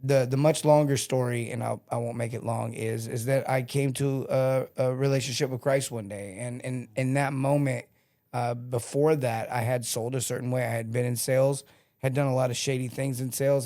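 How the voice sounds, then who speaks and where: A middle-aged man, a sales coach, talking casually as a podcast guest and acting out the people in his stories. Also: medium pitch. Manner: animated storyteller, acts out quotes.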